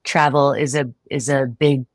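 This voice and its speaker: Low-voiced woman in her forties, podcast guest: reflective, unhurried answers, dry close mic. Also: steady tone, dry recording. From Connecticut. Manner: thoughtful, frequent restarts and light laughs. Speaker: philosophy professor, podcast guest. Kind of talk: casual interview answers.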